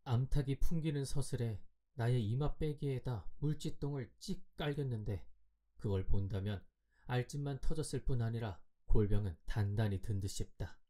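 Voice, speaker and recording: A man reads a classic tale aloud for bedtime listening, calm and measured. His voice is mellow and warm, sitting at an ordinary pitch. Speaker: audiobook narrator. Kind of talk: scripted audiobook narration for sleep.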